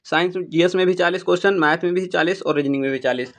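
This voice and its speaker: An exam-prep YouTube teacher speaks fast in a high-sitting voice, explaining informally to students and repeating points for emphasis.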